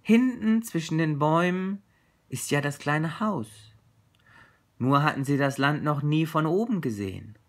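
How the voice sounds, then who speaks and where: Slow, lively man reading a children's story. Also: on the high side. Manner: expressive, unhurried storytelling. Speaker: reader.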